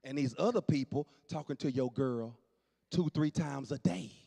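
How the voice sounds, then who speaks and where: A man in his late forties doing animated stand-up storytelling on stage, dropping to low asides and jumping up for punchlines. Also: moderate pace, vocal fry. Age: 40s. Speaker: stand-up comedian. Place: church hall on stage. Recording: long hall reverb.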